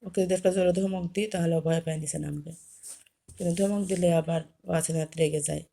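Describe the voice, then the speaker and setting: Gravelly-voiced woman coaxing her pet. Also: on the low side, fairly even intonation, fairly quick, dark tone. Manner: coaxing a cat off a bed, scolding and pleading. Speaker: vlogger. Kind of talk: casual chat to camera.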